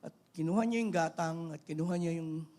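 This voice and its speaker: A middle-aged man with a Filipino accent, preaching a sermon in an animated way, mixing in English phrases. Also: a little high, fast talker. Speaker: pastor.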